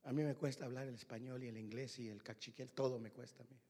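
A man preaching a sermon, swinging from hushed whispers to shouted exclamations. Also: medium pitch, fairly even intonation, fast, long reverb tail.

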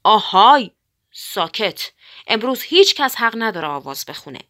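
A woman voicing a bossy, bullying male woodpecker in a storybook, shouting his orders. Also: sing-song. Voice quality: shrill, shouting.

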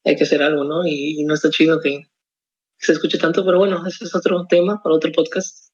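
A young man from Mexico keeps a podcast chat light with joking, slangy remarks. His voice runs a bit high for a man. The sound is dull and slightly lo-fi. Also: little pitch movement, fairly quick, breathy edge. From Ciudad Victoria, Mexico. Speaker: podcast co-host.

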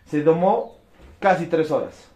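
A high, lively male voice, speaking to a crowd as a motivational speaker. He bounces between voices and acts out little exchanges. The sound is echoey, as if he is in an open hall. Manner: animated, acts out quick dialogues. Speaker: network marketing speaker. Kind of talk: motivational talk to an audience.

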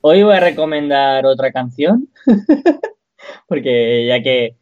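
A man's voice: medium pitch, sing-song, slow pace, no room sound. Young man, co-host, playful, teasing, dry, lo-fi mic. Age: young adult. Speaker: podcast co-host. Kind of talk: casual podcast chat.

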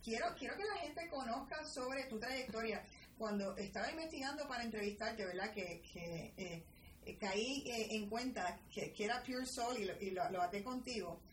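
Energetic woman hosting a podcast. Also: a little high, moderate pace. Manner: energetic, with many fillers and restarts. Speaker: podcast host. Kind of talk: podcast interview. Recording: roomy, distant mic with clear noise.

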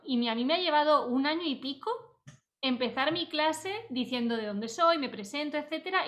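A woman's voice: high-pitched, fairly bright tone. A Spanish teacher, a woman with a Spain Spanish accent, talking earnestly and reflectively in a casual conversation.

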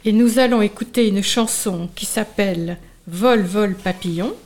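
A woman co-hosting a children's show, narrating a story in a lively, animated way. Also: medium pitch, measured pace.

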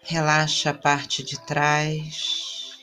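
A woman leading a guided body-scan meditation in a soothing manner, giving short, unhurried phrases with long pauses. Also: low voice, completely flat delivery, sharp tone. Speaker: guided relaxation instructor.

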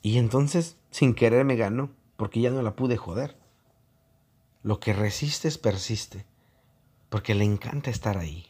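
A man's voice: on the low side, a little slow, darkish tone, breathy edge. A man giving a reflective monologue, mocking and acting out both sides of online arguments.

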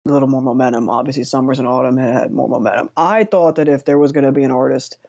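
Gravelly man rambling in a dry sarcastic tone. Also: mid-range voice, quick pace, darkish tone, no echo. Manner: rambling, hesitant, dryly sarcastic. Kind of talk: casual chat. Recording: dull lo-fi dry audio.

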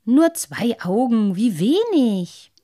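Woman as a wheedling storybook fish with too many eyes, high and pushy. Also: big pitch swings, takes it slowly, dark tone. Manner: wheedling, mocking. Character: sly, gloating many-eyed fish, pushy and spiteful.

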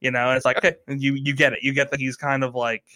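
A man's voice: mid-range voice, level tone, fast, pushed and bright, poor audio. A man in a casual film discussion who explains his points at length, enthusiastic about the craft.

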